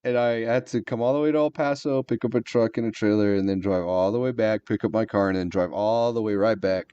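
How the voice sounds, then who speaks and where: A man's voice: fairly low pitch, fairly quick, warm tone, smooth, no room sound. A man co-hosting a podcast, telling a rambling story full of fillers in casual chat. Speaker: podcast co-host. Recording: dull lo-fi sound.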